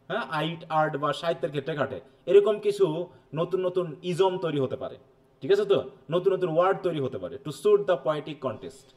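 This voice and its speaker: Male teacher, slightly higher voice, patient lecture delivery with comprehension checks. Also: a little mellow. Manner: explains slowly, reads English passages, checks understanding with questions. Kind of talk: bilingual classroom lecture.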